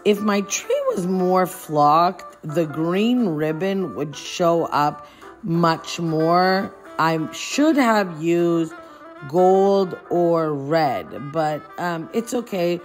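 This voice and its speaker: A woman with a lowish, expressive voice speaks very slowly while faint music plays behind her. She's a home decor vlogger giving a casual decorating demo indoors in her furnished living room, chatting and thinking aloud.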